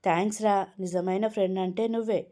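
A flustered young man who rushes out his excuses, read aloud by a woman. The voice stays mellow, and it is the voice of a storybook reading. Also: mid-range voice, steady tone, close to an everyday voice. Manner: hurried and evasive.

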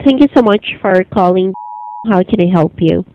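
Female phone agent, middle pitch, slightly muffled call audio. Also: normal speed, slight background noise. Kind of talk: customer service phone call. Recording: slightly dull telephone line.

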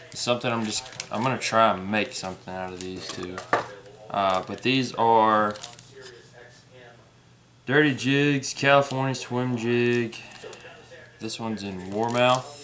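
A young man casually unboxing fishing tackle at a table indoors, unhurried, naming each item as he opens it. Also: medium pitch. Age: young adult. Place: indoor room at a table with plants. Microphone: camera in front at table distance.

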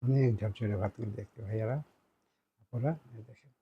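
A Bangladeshi man with a husky voice chats casually to viewers in a mukbang eating show, making unhurried, repetitive remarks between bites. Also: fairly low pitch, steady tone, narrow, tinny audio. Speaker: food vlogger eating on camera.

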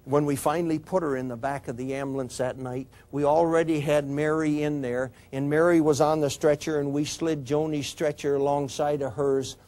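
A man's voice: a little high, little pitch movement, moderate pace, hardly any pauses, darkish tone. Intense man telling a grim story. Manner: addresses the audience as "people", repeats and restarts himself. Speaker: police officer giving a safety talk. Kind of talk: emotional storytelling to an audience.

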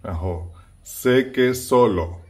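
A man giving a casual language lesson, slowly repeating each phrase before explaining what it means. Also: medium pitch, darkish tone. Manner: slowly repeats phrases, then translates them. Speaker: Spanish teacher. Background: song playing clearly.

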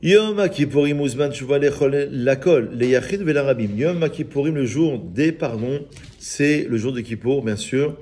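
A man, a rabbi giving an informal, lively Torah lesson and joking with his small group of listeners. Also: mid-range voice, normal speed. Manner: lively, teasing, chats with listeners. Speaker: rabbi teaching a class.

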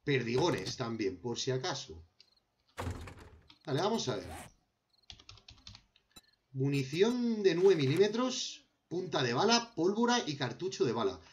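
A man's voice: on the high side, very animated, unhurried, long pauses, muffled recording, slight background noise. A young man with a Spanish accent, casually commenting on a survival game as he crafts, talking to himself and to his viewers. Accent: Spain. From Spain. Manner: talks to himself while crafting, addressing viewers as friends. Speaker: gameplay commentator.

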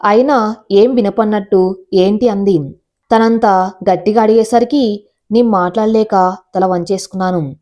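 A woman narrating a first-person audio story in a steady, measured way. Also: medium pitch.

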